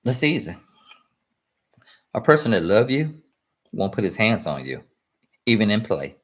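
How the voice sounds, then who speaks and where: A man's voice: lowish voice, big pitch swings, a little slow. A man giving earnest, emphatic relationship advice in casual talk, repeating points for stress and using informal speech. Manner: informal speech with dropped verb endings. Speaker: guest speaker.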